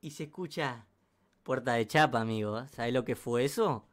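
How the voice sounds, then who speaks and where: A man with an Argentine Rioplatense accent telling a comic anecdote in a slangy, animated way, full of sound effects and asides. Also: medium pitch, moderate pace. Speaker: storyteller.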